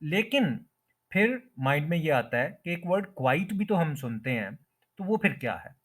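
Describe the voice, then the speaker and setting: A man teaching English pronunciation as an explanatory lesson, repeating each word slowly and breaking it into syllables. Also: on the high side, sing-song, a bit bright.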